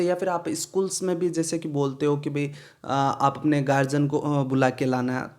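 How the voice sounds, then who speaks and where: A man teaching pronunciation in Hindi, explaining slowly, repeating words and often asking if it is clear. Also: on the high side. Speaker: English teacher. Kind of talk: pronunciation lesson.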